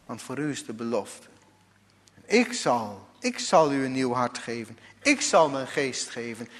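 A man preaching a sermon, emphatic and repetitive, swinging between loud calls and quiet asides. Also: mid-range voice. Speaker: pastor. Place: church. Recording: church hall reverb.

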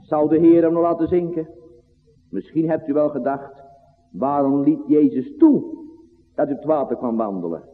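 A man preaching a sermon, his delivery swinging from loud to hushed in an old-fashioned cadence. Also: a little high, moderate pace, pauses often. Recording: phone-like line in a long-reverb church.

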